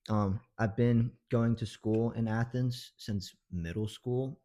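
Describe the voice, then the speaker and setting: A young man in his twenties from Georgia, USA, a medical student, chats casually in a relaxed, easygoing way with many ums. He speaks slowly at medium pitch.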